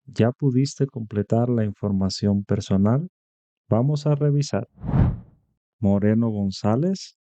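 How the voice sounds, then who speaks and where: A man teaching Spanish to beginners in a scripted lesson narration, with a slow, careful, encouraging delivery. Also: fairly low pitch, dark tone, dull audio.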